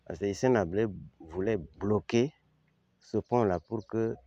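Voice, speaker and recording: An older man with a Chadian accent giving an informal historical account, halting and searching for words, yet emphatic with the listener. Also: on the low side, mellow, no room sound, muffled recording. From Chad. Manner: halting, with repeated words and long searching pauses. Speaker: eyewitness commentator on history.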